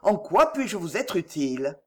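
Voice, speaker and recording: A woman's voice: fairly low pitch, big pitch swings, measured pace. A woman reading the part of a cold, proud English nobleman who speaks curtly and with bitter irony, in an audiobook. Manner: cold, curt, bitterly ironic.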